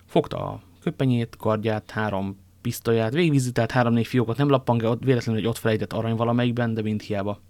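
A man narrates an adventure novel aloud at a measured, even pace. His voice sits in a middle register. The recording is dry and close. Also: mid-range voice, no echo. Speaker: audiobook reader. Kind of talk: storybook narration.

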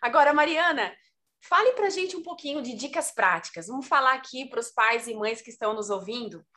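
A woman interviewer with a fairly high voice leads the conversation. She asks questions in a measured, courteous way and keeps the talk moving. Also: animated, pushed and bright. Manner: measured, polite, guiding questions. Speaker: interviewer, deputy consul. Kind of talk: hosting an interview.

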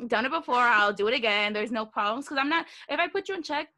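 A young woman chatting casually as a co-host, telling stories in a slangy, emphatic, animated way. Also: on the high side, fast talker. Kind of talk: casual gossipy storytelling chat.

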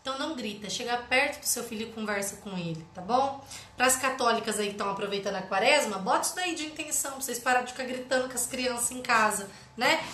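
A woman's voice: on the high side, quick pace, pushed and bright. Chatty woman teaching parents. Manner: chatty, often ends phrases with "né?". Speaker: parenting educator. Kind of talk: live teaching, reading a book aloud and commenting. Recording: echoey room.

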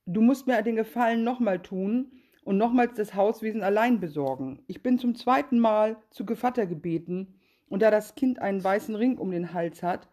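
A woman's voice: mid-range voice, normal speed, mellow, pitched above the performer's own voice, close to an everyday voice. A woman doing a sly, coaxing greedy cat. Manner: sweet-talking, coaxing, then curt. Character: sly greedy female cat, smooth talker.

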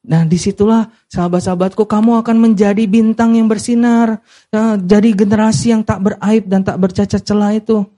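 A male preacher delivering a sermon in a high-pitched voice. He slips English words into his speech. He often calls out to the congregation and has them repeat lines to each other. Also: level tone, a little fast, dark tone.

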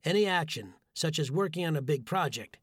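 A man narrates a first-person essay in a measured, earnest read. His voice sits a little high for a man, and the recording is dry and close, with no room sound. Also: lively intonation, husky, no echo. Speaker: audiobook narrator. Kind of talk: scripted narration.

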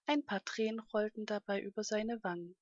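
Female children's-story narrator, calm and expressive; dry, dull audio. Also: mid-range voice, moderate pace, no echo.

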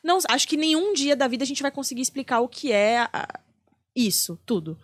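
A woman's voice: high-pitched, lively intonation, fairly quick. A woman comedian, a guest on a podcast, chatting casually and swearing freely.

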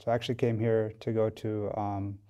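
Here an American tech founder from Wisconsin talks as a studio podcast guest in a casual interview, explaining things thoughtfully with some hesitation. He speaks briskly in a lowish, level, mellow and smooth voice, and the audio's highs are cut off.

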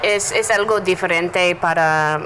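A woman from the United States, a native English speaker, talks casually in Spanish with an American accent, searching for words as she goes. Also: fairly bright tone. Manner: halting, searching for words in a second language. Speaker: interview guest, journalist. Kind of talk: casual conversation. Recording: noisy, with traffic rumble behind.

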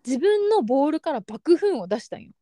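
A young woman with a high voice talks fast and animatedly as a podcast co-host. Her tone is mellow rather than bright, and she is recorded dry and close on the mic. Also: no echo. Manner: animated storyteller acting out quoted lines. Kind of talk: casual chat, telling a dream story.

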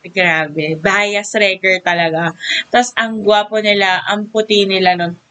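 A young Filipino woman co-hosting a podcast, chatting excitedly and gushing, mixing English into her talk. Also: medium pitch, unhurried, slight background noise, low-quality recording. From Philippines. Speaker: podcast co-host. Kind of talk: casual chat.

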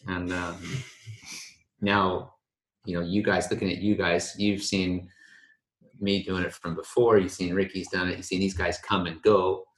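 Laid-back American male host, very low voice, echoey room, rambling casual delivery. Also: level tone, unhurried. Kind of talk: casual chat.

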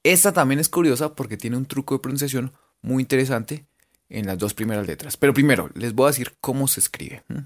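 A language teacher with a Colombian accent giving a playful lesson, spelling words letter by letter and stretching out words to sound them out. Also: mid-range voice. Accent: Colombian Spanish. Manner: animated, drawn-out sounding-out of words.

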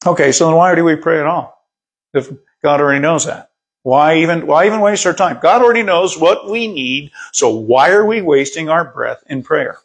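Man, middle-aged, pastor, sermon, gravelly, slightly higher voice, conversational, repeats words. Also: moderate pace. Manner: conversational, repeats words, reads scripture aloud.

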